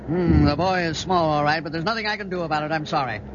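An actor playing a brusque ticket seller in a radio drama, barking loudly over a crowd. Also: male voice, on the high side, fast, noisy background, lightly acted. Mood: gruff. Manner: loud barking hawker. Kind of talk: 1940s radio acting. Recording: muffled old radio recording with crowd.

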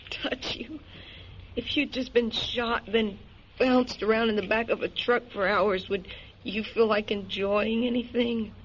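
Woman as wounded plucky outcast girl, halting, slightly high voice, slow, audio drama, muffled. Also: fairly even intonation, natural voice. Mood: pained, shaky. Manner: halting, vulnerable. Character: wounded young female outcast, frightened, plucky, grateful. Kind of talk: dramatic audio fiction acting. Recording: muffled recording with faint noise.

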